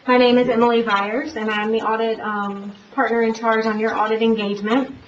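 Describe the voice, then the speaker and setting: A woman's voice: a little high, level tone, brisk. A woman speaking through a face mask, giving a formal report presentation as an auditor. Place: public board meeting room. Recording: echoey room, distant mic, dull, faint noise.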